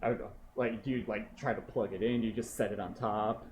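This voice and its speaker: A man's voice: fairly low pitch, steady tone, fast talker, a little mellow, a little hiss or hum, rough recording. A man narrating as game master in a loose, chatty way with many fillers.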